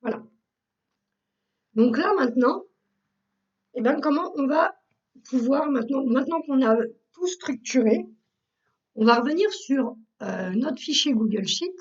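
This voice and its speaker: Her voice is high-pitched with lively intonation but a little slow, with long pauses, as this Google Workspace trainer explains a software task step by step in a screen tutorial. She uses frequent fillers, and the recording is muffled, with the mic far from her.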